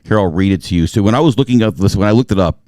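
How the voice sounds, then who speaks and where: A man's voice: on the low side, lively intonation, racing, warm tone, no echo, studio quality. A man hosting a casual podcast chat, explaining topics and reading notes aloud. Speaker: podcast host.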